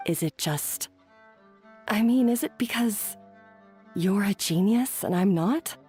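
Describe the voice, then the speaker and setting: A woman's voice: medium pitch, slow, warm tone, soft background music, natural voice. An actress voicing an insecure young female head chef who doubts her own talent, speaking hesitantly in a game cutscene. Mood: doubtful.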